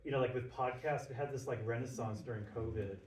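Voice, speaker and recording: A man's voice: mid-range voice, fast talker, a little mellow. A man moderating a playwrights' panel, asking rambling questions with many restarts. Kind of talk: panel discussion. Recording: roomy echo, far from the mic, faint noise.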